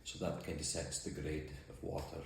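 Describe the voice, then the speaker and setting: A rumbling low voice with vocal fry belongs to this Shetland-accented boat skipper and mussel farmer, who answers interview questions flatly and at normal speed, keeping things understated. The office recording is very echoey, with faint noise.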